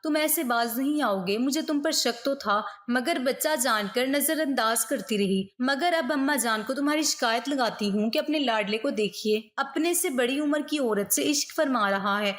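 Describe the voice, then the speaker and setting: A woman's voice: high voice, hardly any pauses, close to an everyday voice. A woman voicing a proud woman who scolds a young suitor sharply, in a storybook reading. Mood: scornful.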